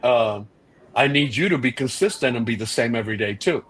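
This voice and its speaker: In a casual interview chat, a middle-aged man appears as a podcast guest, explaining his views earnestly and with animation. He restarts often and relies on fillers. His voice is ordinary middle pitch, a little fast and slightly rough.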